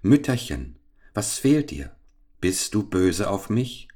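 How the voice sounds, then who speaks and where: A man's voice: lowish voice, sing-song, takes it slowly, warm tone, exaggerated voice. A man voicing an anxious young dwarf boy with a long nose, pleading and bewildered, in a storybook reading. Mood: worried pleading.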